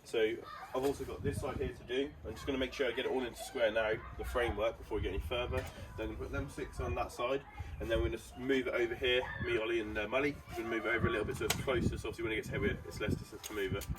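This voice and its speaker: A man explains his garden build step by step in a casual DIY vlog update shot outdoors on a phone camera, chatting through each stage. Congested and stuffy-nosed, he speaks rapid-fire with hardly any pauses, in a mid-range voice of fairly even intonation. Background noise can be heard.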